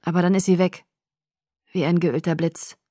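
A woman's voice: lowish voice, level tone, moderate pace, dark tone, no echo, clean studio sound, natural voice. A woman voicing a hot-tempered young man who barely holds back his rage, speaking in tense, clipped bursts. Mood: reporting.

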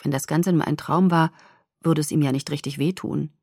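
A woman narrates a novel in the first person, her voice low and breathy. The telling stays soft and hushed, and the sound is dry and close with no room around it. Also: steady tone, moderate pace, dry recording. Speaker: audiobook reader.

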